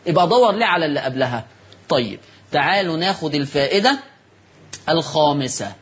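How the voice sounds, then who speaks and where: A Quran recitation teacher and TV host with an Egyptian Arabic accent leads a broadcast recitation lesson, posing questions to listeners and answering them himself. He reads notes slowly, stressing key words, in a high-pitched, fairly bright voice.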